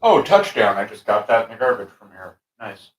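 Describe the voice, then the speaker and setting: Man, casual rambling talk, deeper voice, echoey room. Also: moderate pace, recorded from a distance. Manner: relaxed, rambling, talks to himself and chat. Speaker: painter streaming his work. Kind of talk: casual thinking-aloud commentary while painting. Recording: roomy sound, speaker away from mic.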